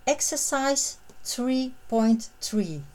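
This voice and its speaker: A woman narrating a scripted language lesson, reading short phrases and translations in a measured, clearly separated way. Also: high-pitched, expressive, a little mellow, rough recording.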